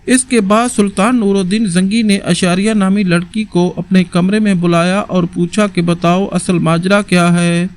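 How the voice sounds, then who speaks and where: Earnest high-voiced male storyteller. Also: steady tone, few pauses. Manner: earnest, preaching tone, addresses viewers directly. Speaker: narrator. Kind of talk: storytelling narration of a moral history tale.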